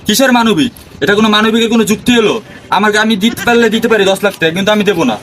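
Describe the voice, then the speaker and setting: A man's voice: high voice, racing, fairly bright tone, slight background noise. A man playing a hot-headed adult man who rants indignantly and makes threats. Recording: music playing under the voice.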